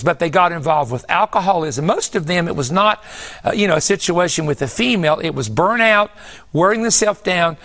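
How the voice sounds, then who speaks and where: Older male preacher, high voice, earnest testimony with emphatic repeats. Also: fairly bright tone. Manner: earnest storytelling with emphatic repetition. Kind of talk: testimony sermon.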